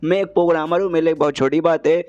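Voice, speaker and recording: A man's voice: a little high, steady tone, fast, a little mellow, lo-fi sound, lightly acted. A man voicing a cocky, self-assured young male hero who brushes off doubts. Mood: confident.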